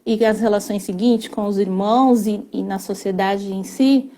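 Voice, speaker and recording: A woman's voice: medium pitch, fairly even intonation, moderate pace, dark tone. A woman, a family constellation therapist, explaining earnestly with frequent hesitations and tag questions. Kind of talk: explanatory conversation.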